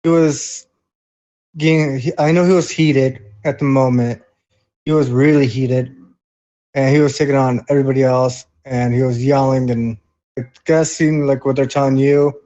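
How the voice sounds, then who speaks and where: A man in roleplay voice chat, speaking in a halting, hesitant way. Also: medium pitch, steady tone, dark tone, highs cut off.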